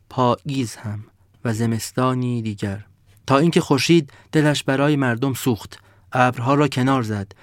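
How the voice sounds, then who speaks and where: A man narrating a children's story in a calm, measured reading voice. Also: mid-range voice, no echo, studio quality.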